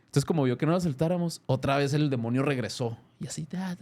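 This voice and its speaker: A man in his thirties, Mexican-accented and speaking fast with a slightly high voice, appears as a guest in a casual interview. He narrates a story with animation, frequently restarting and correcting himself.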